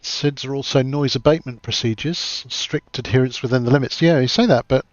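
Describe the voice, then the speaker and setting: A man's voice: mid-range voice, brisk, no echo, dull audio. A man giving casual livestream commentary as he plays a flight simulator, thinking aloud in a chatty, self-deprecating way.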